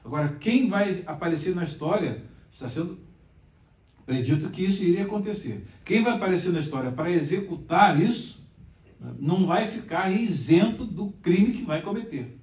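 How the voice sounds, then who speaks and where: Brazilian pastor-teacher, chatty explainer, mellow tone, distant mic in echoey classroom. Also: male voice, high-pitched, lively intonation, moderate pace. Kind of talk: conversational Bible class teaching. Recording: echoey room, mic far off.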